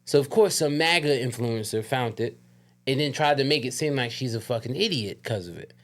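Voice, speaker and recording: A man's voice: medium pitch, animated, brisk. A man co-hosting a podcast, ranting emphatically with profanity and a slight lisp. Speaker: podcast co-host. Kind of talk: casual heated podcast chat.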